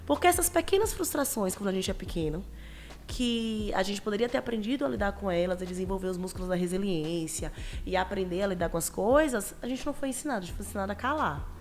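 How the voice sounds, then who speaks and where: A woman's voice: mid-range voice, slight background noise. A woman who works as a parenting educator, speaking as a podcast guest in casual chat and acting out quoted dialogue as she tells stories. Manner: animated, quick storytelling, acts out quoted dialogue.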